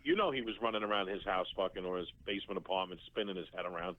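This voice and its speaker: A man's voice: low-pitched, very fast. A man tells rowdy, profane stories and breaks into laughter as he acts out what people said. His voice comes through a tinny phone line. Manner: profane, laughing storyteller acting out quotes. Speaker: interview guest. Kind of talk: casual storytelling on a radio show.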